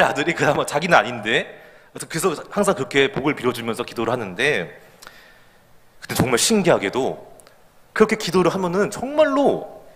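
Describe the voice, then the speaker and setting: A man preaching a sermon at a midweek prayer service, animated, calling out hallelujah and laughing at his own stories. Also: on the high side, long reverb tail. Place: church sanctuary.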